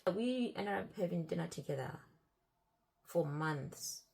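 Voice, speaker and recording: A woman vlogger tells a personal story in a relaxed, conversational way. Her voice is husky and a little gravelly. She keeps circling back and repeating herself as she replays both sides of old conversations. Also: fairly low pitch, slow pace. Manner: chatty, retells conversations with "I'm like" and "he's like"; repeats and restarts phrases as she talks. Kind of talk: casual storytime.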